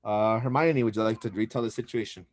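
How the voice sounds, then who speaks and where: A man's voice: lowish voice, fast. A man teaching a language class, patiently explaining pronunciation step by step.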